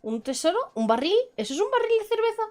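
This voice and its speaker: A woman's voice: very high-pitched, big pitch swings, very fast, a little mellow, faint music behind. A woman giving chatty, playful live commentary as a game streamer. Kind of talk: casual live gameplay commentary.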